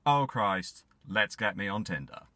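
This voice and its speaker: A man's voice: on the low side, expressive, a little slow, pushed and bright, no room sound. A man voicing a vain young male hunter who is in love with himself, swooning and wailing in a comic myth retelling. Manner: breathless, swooning, then wailing in panic.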